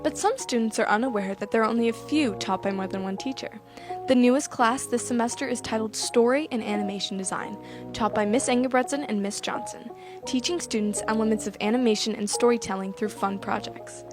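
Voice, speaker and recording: A woman's voice: a little high, a little fast, over music. A young woman reading a scripted school news report. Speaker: student reporter.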